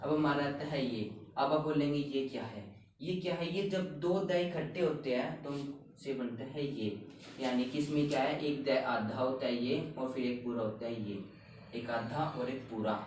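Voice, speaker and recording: A man teaching a grammar lesson, explaining step by step and repeating each word slowly. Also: medium pitch, darkish tone, slight background noise. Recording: very echoey room, voice a bit far from the mic.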